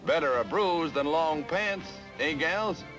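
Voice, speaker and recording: A man narrating an old 1940s newsreel in brisk, jaunty announcer patter. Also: a little high. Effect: old newsreel soundtrack. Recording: newsreel narration over music.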